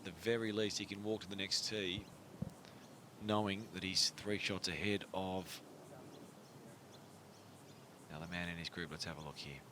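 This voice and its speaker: A man's voice: sits low, steady tone, moderate pace, long pauses, noisy background. A man giving live, conversational golf commentary and analysis.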